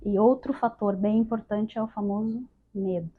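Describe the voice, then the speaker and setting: A woman's voice: mid-range voice, moderate pace, slightly rough. A woman telling her spiritist experiences to an audience, acting out dialogue and often calling out to her listeners. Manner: lively storyteller acting out dialogue, addresses listeners as "gente". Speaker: spiritist speaker. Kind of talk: testimonial talk to an audience. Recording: dull lo-fi sound.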